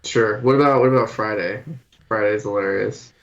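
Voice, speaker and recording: A man's voice: lowish voice, normal speed, muffled recording. A young man co-hosting a casual podcast chat, easygoing and agreeable, who trails off into fillers. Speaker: podcast co-host.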